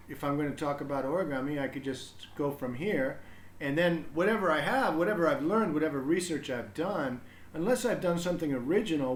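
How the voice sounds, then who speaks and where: His voice is fairly high as he chats casually on a livestream, reading to kids and rambling through explanations while thinking aloud. Slight background noise and an echoing, roomy sound are present.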